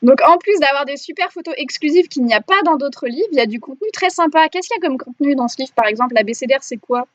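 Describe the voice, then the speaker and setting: Bubbly high-voiced French woman host. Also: expressive, quick pace, hardly any pauses, no echo, muffled recording. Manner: bubbly, chatty, talks to the chat. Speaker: interviewer and live stream host. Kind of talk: casual live interview.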